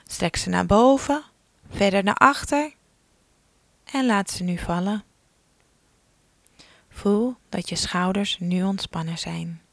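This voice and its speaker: A woman talks through a relaxation exercise at a very unhurried pace, calm and gentle. She often sinks into a soft whisper. The sound is close and dry, with no room around it. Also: mid-range voice, gravelly, no echo. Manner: slow, soothing instructions, often dropping to a soft whisper. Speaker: relaxation guide for children.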